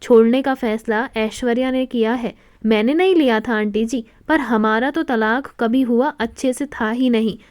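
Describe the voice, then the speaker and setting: A woman voicing a bitter estranged husband who calmly explains what went wrong. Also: fairly high pitch, normal speed, hardly any pauses, dry recording, studio quality, close to an everyday voice.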